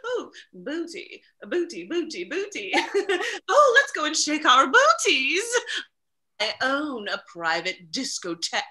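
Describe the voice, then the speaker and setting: A woman's voice: high-pitched, wildly swooping pitch, slow pace, sharp tone, heavily acted. An actress playing a flirtatious wealthy lady of the house in a comedic play read over a video call, bawdy and giggly. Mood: flirty.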